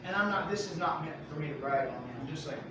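A pastor leads a Bible study in a folksy, animated way, slipping into voices for the people in the verses. His voice sits high for a man. The recording is boomy with heavy echo, picked up from well back in the sanctuary with a faint hiss. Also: quick pace. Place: church sanctuary. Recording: echoey room mic from far off.

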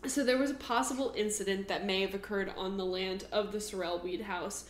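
A woman's voice: medium pitch, fairly even intonation, a little fast. A young woman co-hosting a podcast, telling a history story in a loose, chatty way that often breaks into giggles. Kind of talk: casual storytelling chat. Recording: roomy recording with faint noise.

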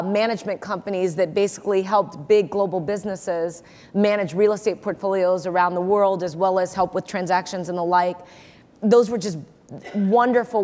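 On a large conference hall stage, a woman in her forties, an investor there as keynote guest, is interviewed through a lapel mic with long hall reverb. Her voice is medium-pitched and darkish, and she speaks with confidence, repeating words to stress them.

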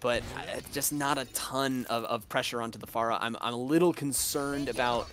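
A young adult caster calls the action of a live esports match. The voice sits in a middle pitch range and gets more animated as fights break out. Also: normal speed. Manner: energetic play-by-play, rises with the action. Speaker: esports play-by-play commentator.

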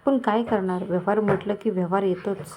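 A woman's voice: medium pitch, fairly even intonation, fairly quick, mellow, slight background noise, natural voice. A woman voicing a scheming, lecherous middle-aged village moneylender who talks in a coaxing, menacing way. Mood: falsely friendly. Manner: coaxing, menacing, falsely kind.

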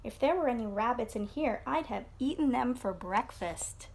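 A woman's voice: on the high side, animated, normal speed, vocal fry, a little mellow, slight background noise. A woman voicing a hungry, greedy male fox in a storybook, bossy and growling. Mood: gloating.

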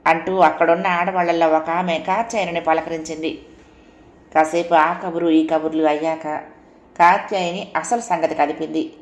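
Woman storyteller, calm even narration, lowish voice, roomy echo.

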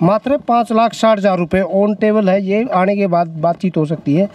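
A man's voice: sits high, fairly even intonation, normal speed, darkish tone, no room sound. A man in his thirties hosting a used-car video on an outdoor lot, holding a handheld mic and hyping the prices with emphatic repetition. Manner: salesy, repeats prices with emphasis. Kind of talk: energetic promotional interview.

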